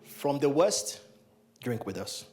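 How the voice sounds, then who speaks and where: Slow and sing-song, his mid-range voice a touch mellow, a young Ghanaian man leads a libation ceremony in a large hall. He repeats solemn invocations into a handheld mic in a ceremonial address, with a faint hiss or hum audible.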